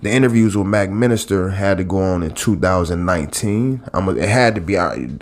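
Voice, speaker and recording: His voice sits low, brisk and expressive: a man in his late thirties who hosts a YouTube channel and blogs. Talking casually to camera, he goes on at length to his audience, with many restarts and side remarks.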